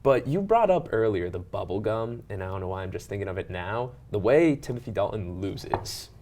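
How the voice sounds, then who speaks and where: Low-voiced, lively young man podcasting. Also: normal speed. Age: young adult. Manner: enthusiastic. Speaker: podcast co-host. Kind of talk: casual chat.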